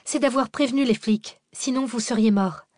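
A woman reading an audiobook, voicing a sharp-tongued, sarcastic young woman researcher. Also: medium pitch, animated, normal speed, dry recording, clean studio sound, natural voice. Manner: sarcastic, biting. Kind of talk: audiobook character voice.

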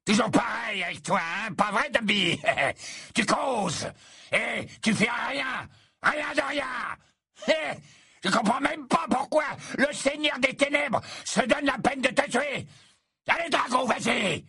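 A man's voice: lowish voice, unhurried, pushed and bright, husky, no room sound, clean studio sound, full character voice. A man reading aloud voices a sneering, crooked-faced male henchman who cackles and taunts. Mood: mocking. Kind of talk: audiobook character voice.

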